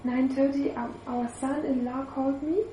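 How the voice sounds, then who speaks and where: A woman interpreting a church testimony live, halting and searching for words with many fillers. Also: high voice, steady tone, warm tone, a little hiss or hum. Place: church hall. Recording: roomy hall echo.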